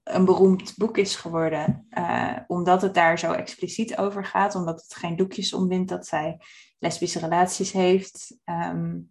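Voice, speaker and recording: Lower-voiced woman discussing a novel. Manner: relaxed, hesitant with many pauses. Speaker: podcast co-host discussing a book. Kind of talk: casual book discussion.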